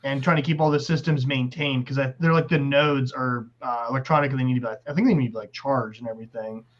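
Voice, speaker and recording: A man's voice: mid-range voice, fairly even intonation, fast talker. A man chatting as a guest, easygoing and laughing often. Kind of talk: casual chat. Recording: dull lo-fi audio.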